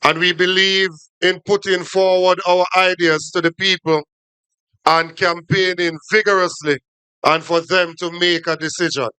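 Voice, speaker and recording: Bright, high-pitched Jamaican man making a political speech. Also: little pitch movement, unhurried, smooth, no room sound, poor audio. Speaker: party official. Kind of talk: formal political speech to supporters.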